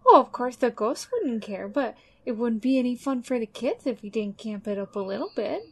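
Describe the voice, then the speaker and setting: A woman acts as a chatty small-town lady in a radio comedy. Her voice sits fairly high. She is cheerful, folksy and unfailingly polite. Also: lively intonation, normal speed, gravelly, slightly rough, exaggerated voice. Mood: chirpy. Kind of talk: radio comedy drama acting.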